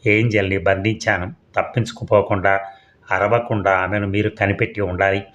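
A man voicing a cool-headed male hero in an audio story, giving quiet, secretive instructions. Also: lowish voice, flat delivery, moderate pace, lo-fi sound, close to an everyday voice. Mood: hushed, urgent.

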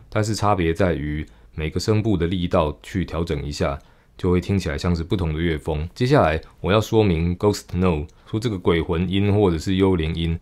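Deep-voiced man teaching drums. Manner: calm, patient, step-by-step explaining. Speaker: drum teacher. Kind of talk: instructional explanation. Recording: faint drum music in background. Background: drum kit playing.

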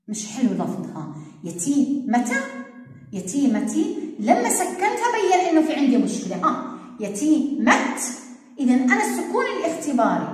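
A woman teaching first graders, drawing out syllables in a sing-song way. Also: sits high. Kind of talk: online classroom lesson. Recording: very echoey hall-like room.

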